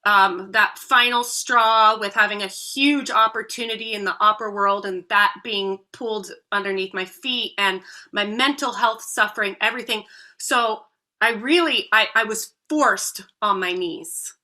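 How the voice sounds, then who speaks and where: A voice coach in her thirties, appearing as a guest on a podcast interview, tells her own story earnestly and from the heart. Her voice is medium-pitched with a sharp tone, and she speaks a little slowly.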